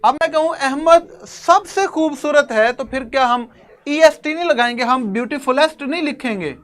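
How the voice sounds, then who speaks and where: At a normal speed and with a fairly bright, very high-pitched voice, a man explains English grammar to his class one step at a time. He talks to his students warmly and lets out a chuckle now and then.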